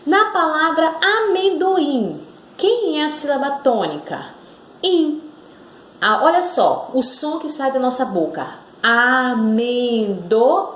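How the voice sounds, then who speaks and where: A woman teacher speaks slowly and lets her high voice rise and fall as she stresses each syllable for children. The words come drawn out and clear. The recording has a roomy echo. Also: slight background noise. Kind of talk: children's Portuguese lesson.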